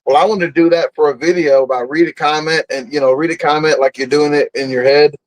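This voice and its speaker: A blunt, boastful man, talking casually as an interview guest. His voice sits a little high for a man, and he tends to laugh at himself mid-story. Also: fairly even intonation, a little fast, low-quality recording. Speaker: guest, food and camping content creator.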